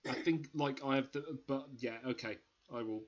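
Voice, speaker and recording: A man's voice: medium pitch, normal speed, dull audio, a crowd in the background. A man co-hosting and editing a podcast in casual chat, playful and laughing often. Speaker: podcast co-host and editor.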